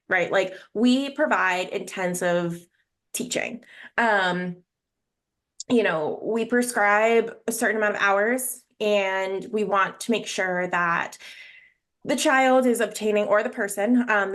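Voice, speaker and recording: A woman's voice: mid-range voice, fairly bright tone. Woman co-host talking in long lists. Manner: talks in long lists with many ums. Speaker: podcast co-host. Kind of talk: casual podcast discussion.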